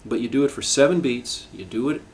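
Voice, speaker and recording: Middle-aged guy teaching harmonica, calm and thoughtful, starts over a lot, bit of hiss behind. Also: mid-range voice, brisk. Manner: calm, reflective explanations with frequent restarts. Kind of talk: instructional video lesson.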